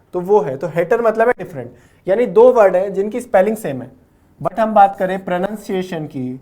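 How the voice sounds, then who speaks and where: A young man teaches vocabulary in class, patiently explaining word roots in Hindi sprinkled with English and often checking with "okay?". His voice sits high and sounds a little mellow.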